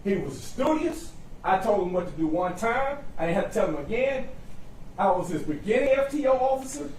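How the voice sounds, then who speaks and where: A man with a high-set voice argues as a defense attorney in a roomy, reverberant courtroom, picked up from a distance. He is impassioned and folksy, hammering short phrases and repeating them for emphasis as he appeals to the jury. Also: sing-song, a little fast, darkish tone. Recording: roomy echo, distant mic, faint noise.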